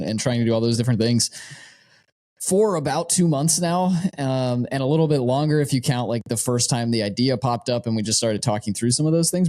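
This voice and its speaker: A man's voice: medium pitch, a little mellow. Easygoing man hosting a podcast. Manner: easygoing, earnest, many "um" fillers. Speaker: podcast co-host. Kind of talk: casual podcast chat and outro.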